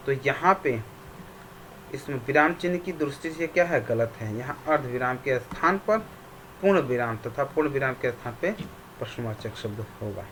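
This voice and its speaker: A man teaching a Hindi grammar lesson for exam prep. He repeats example sentences slowly and asks and answers his own questions. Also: medium pitch, fairly bright tone, slight background noise, rough recording.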